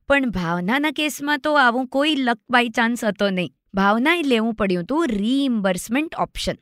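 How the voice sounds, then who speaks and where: A woman's voice: fairly high pitch, fairly bright tone, no echo, clean studio sound. A woman in her thirties hosting a finance podcast, telling a story in a chatty way and acting out the lines of a friend. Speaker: podcast host.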